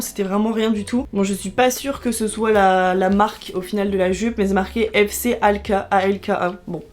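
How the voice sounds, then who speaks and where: A woman's voice: on the high side, darkish tone. A young woman, chatting casually to camera about her thrift haul, rambling with lots of filler words. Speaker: fashion vlogger.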